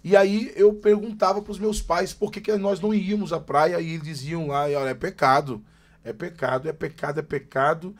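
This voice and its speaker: His pitch is fairly high, his intonation fairly even, and his pace brisk. This emphatic pastor, in his forties and from Greater São Paulo in Brazil, chats casually as a podcast guest with preacher-style repetition.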